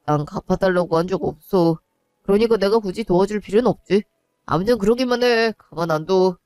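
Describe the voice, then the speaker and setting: A woman's voice: mid-range voice, a little fast, darkish tone, smooth, no echo, faint music behind, close to an everyday voice. Woman doing a curt, cold young husband. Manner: curt and dismissive. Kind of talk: one-voice audio drama.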